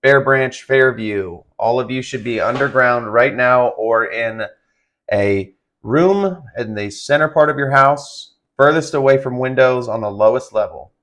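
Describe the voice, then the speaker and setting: A man doing live severe weather commentary, halting and improvised, giving urgent and direct warnings to listeners. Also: mid-range voice, fairly bright tone. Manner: halting, improvised phrasing with repeated restarts. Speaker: live-stream weather broadcaster.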